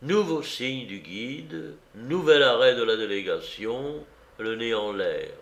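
A man narrating a story aloud in a measured, expressive way. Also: mid-range voice, vocal fry, lo-fi sound. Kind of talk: audiobook narration. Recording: roomy echo.

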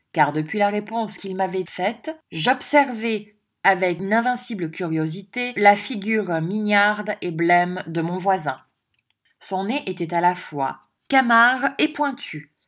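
A woman reading a classic novel aloud as an audiobook narrator, composed and expressive with period prose. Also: medium pitch.

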